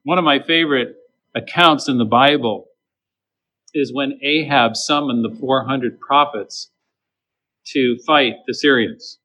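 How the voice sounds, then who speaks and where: A man's voice: mid-range voice, a little slow, bright, forceful tone, rough recording. A man preaching a sermon, emphatic and acting out the voices of the people he quotes. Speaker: pastor.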